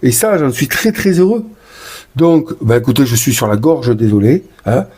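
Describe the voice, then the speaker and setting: A man narrates his own solo board game playthrough, chatting enthusiastically as he talks himself through each move and occasionally stumbles and corrects himself. His mid-range voice is warm and husky with lively intonation at a moderate pace.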